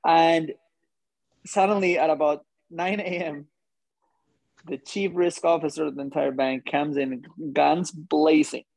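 A man telling a personal story to a live audience in an animated, conversational way, often checking in with listeners. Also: on the high side, a little slow, creaky, no room sound.

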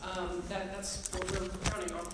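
Heard from a distance in an echoey hall with background noise, a woman speaks casually to an audience of educators at a teachers' association meeting. Her voice is on the low side with a level tone and normal speed. She's chatty and earnest, leaning on many ums and you-knows.

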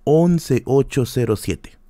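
A young man, hosting a podcast and telling a family story in a casual, animated way, often repeating himself and jumping up in pitch when he quotes people. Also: slow, no room sound, studio quality. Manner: animated, jumps high when quoting people, repeats words, laughs often. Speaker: podcast host.

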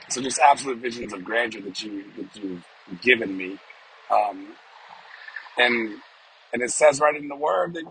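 A man with a smoker's voice giving an informal, off-the-cuff devotional, speaking haltingly and repeating phrases for emphasis inside a car. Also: mid-range voice, a bit bright, slight background noise, poor audio. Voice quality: smoker's voice with occasional cough. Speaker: podcast host giving a devotional. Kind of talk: informal off-the-cuff sermon and prayer. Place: inside a parked small car.

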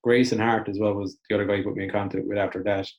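A young man with a lowish voice, chatting in a relaxed interview. He thinks aloud, full of small restarts and fillers as he works through his points. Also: very fast, lo-fi sound. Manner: reflective, loose, many restarts and "like". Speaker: podcast guest. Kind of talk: casual conversational interview.

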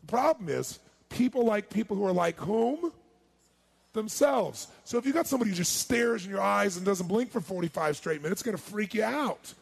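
A man giving a sales seminar, firing rhetorical questions at his audience and swinging between loud and hushed delivery. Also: high voice, expressive, fairly quick, vocal fry, slightly rough. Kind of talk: live seminar talk to an audience.

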